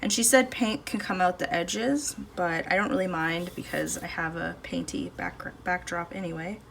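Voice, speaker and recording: At a moderate pace, an art channel host with a low-leaning, creaky, fairly bright voice talks casually while she paints at her table. The recording comes from a phone above the table in her indoor home studio, no external mic, with faint background noise from the street and household.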